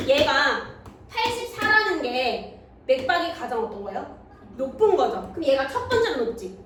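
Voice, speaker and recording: A woman's voice: high voice, very animated. A woman teaching middle school math in a classroom, often stopping to check whether students follow. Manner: checks understanding with quick questions to students. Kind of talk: classroom lecture. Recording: very echoey room, mic far off, faint noise.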